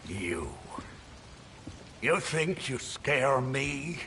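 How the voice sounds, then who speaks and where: An actor playing a fanatical, grandiose villain commander in a video game, imperious and theatrical. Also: male voice, medium pitch, very animated, drawn-out words, very noisy. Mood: menacing.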